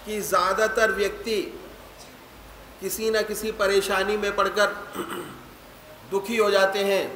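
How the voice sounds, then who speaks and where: Slow, echoing spiritual teacher. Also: male voice, high-pitched, fairly bright tone, a little hiss or hum. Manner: slow, measured, didactic preaching with pauses. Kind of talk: sermon. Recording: echoey hall with faint ambience.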